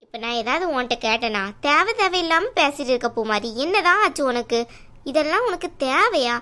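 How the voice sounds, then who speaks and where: Woman as a stubborn young cartoon woman, high bright voice, blunt, argumentative. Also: animated, a little fast. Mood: arguing. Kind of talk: cartoon dialogue.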